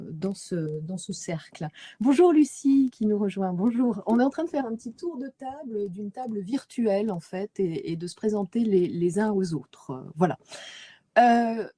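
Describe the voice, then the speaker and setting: Husky, dark-voiced woman moderating a webinar. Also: medium pitch. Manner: hesitant, many restarts and fillers.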